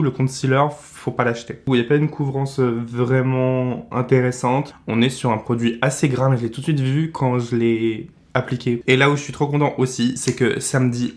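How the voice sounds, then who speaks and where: A man in his twenties with a French accent, chatting casually in a beauty vlog and giving blunt product verdicts. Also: medium pitch. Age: 20s. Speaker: beauty vlogger.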